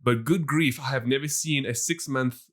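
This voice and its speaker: A man co-hosting a podcast in casual chat, animated, laughing often and restarting his sentences. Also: medium pitch, normal speed. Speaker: podcast co-host.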